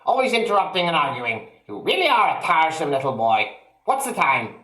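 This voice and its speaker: Man doing a cranky old granny, shrill and piercing, bossy, screeching, echoey room. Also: big pitch swings, fairly quick, sharp tone. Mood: scolding. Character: shrill cantankerous old grandmother, bossy and nasty. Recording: roomy echo.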